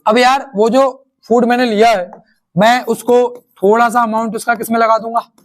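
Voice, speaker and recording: A man teaching a science lesson, firing quick questions at his students and answering them himself. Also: very high voice, little pitch movement. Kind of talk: online class lecture.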